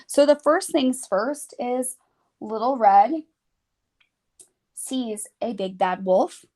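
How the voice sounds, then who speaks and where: A woman's voice: fairly high pitch, slow pace, darkish tone. A young woman teaching a children's phonics lesson, chatting casually and saying "like" a lot as she draws. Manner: casual, chatty, says "like" often while drawing.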